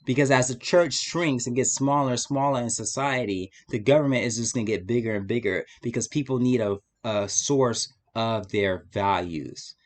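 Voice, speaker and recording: A man's voice: medium pitch, normal speed, few pauses. Man in casual, preachy commentary. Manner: preachy, repeats phrases for emphasis, checks in with "right?". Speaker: live stream host and commentator. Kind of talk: casual opinionated live commentary.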